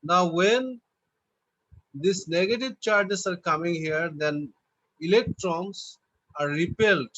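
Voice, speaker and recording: Guy teacher on a video call, slow patient explaining, muffled lo-fi sound. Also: high-pitched, fairly bright tone, no room sound. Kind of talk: online class explanation. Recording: dull lo-fi online call audio.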